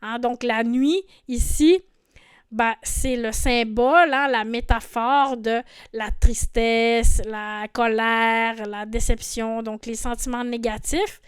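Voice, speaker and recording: Woman, lesson, slow and patient, high clear voice, dry close sound. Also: steady tone, dry recording. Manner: patient, repeats words, frequent "hein". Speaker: French teacher.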